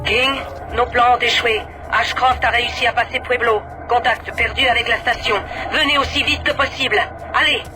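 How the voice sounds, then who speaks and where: An actor playing a serious police commander who gives clipped radio orders in a video game. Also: male voice, very high voice, fairly even intonation, normal speed, hardly any pauses, poor audio. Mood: urgent. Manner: clipped military radio procedure. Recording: music behind the voice.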